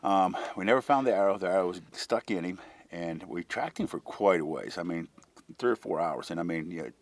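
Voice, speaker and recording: A man hosting a bowhunting show, talking excitedly and rambling outdoors in the brush. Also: low-pitched, fairly quick, slight background noise. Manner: excited, rambling, restarts mid-sentence. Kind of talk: casual hunting vlog narration. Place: outdoors in brushy elk country.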